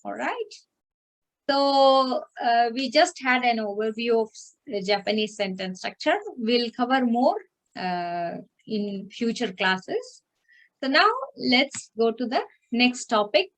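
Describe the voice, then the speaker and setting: A woman teaching an online class, speaking slowly and a little high. She is patient, repeating phrases and asking "okay?" to check that her students follow. Her voice comes through a video call. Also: expressive, a bit bright. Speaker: language teacher.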